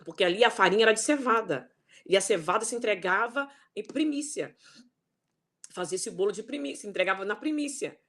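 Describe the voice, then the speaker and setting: Older woman pastor, husky voice, earnest repetitive preaching on a video call. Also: mid-range voice, a little fast, fairly bright tone. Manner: emphatic, repeats words, asks "né?" and "tá?". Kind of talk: online sermon teaching.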